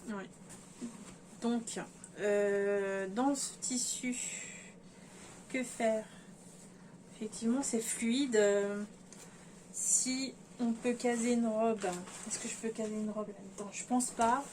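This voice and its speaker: Chatty, hesitant woman with a higher voice. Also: fairly even intonation, slow pace, long pauses, darkish tone, slight background noise. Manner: hesitant, thinking aloud with many fillers; chatty, addresses viewers directly. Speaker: sewing vlogger. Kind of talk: casual fabric haul vlog.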